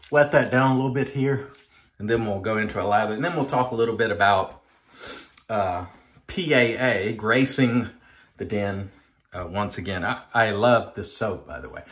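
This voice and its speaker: A man in his forties who hosts a shaving channel lathers and shaves in a small home bathroom, chatting earnestly and casually to the camera and calling his viewers folks. His voice is fairly low in pitch and a bit bright.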